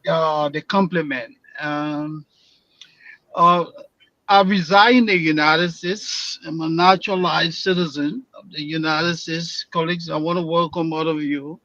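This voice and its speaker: A man from Liberia with a Liberian accent, speaking as a guest on a radio panel and growing loud and emphatic. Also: fairly high pitch, steady tone, unhurried, no room sound, dull audio. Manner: impassioned, grows loud and emphatic.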